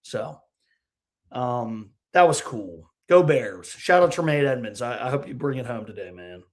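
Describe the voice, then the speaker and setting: A young man co-hosting a sports podcast, telling stories in a casual, animated way and saying "dude" often. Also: medium pitch, measured pace. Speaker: podcast co-host. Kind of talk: casual chat.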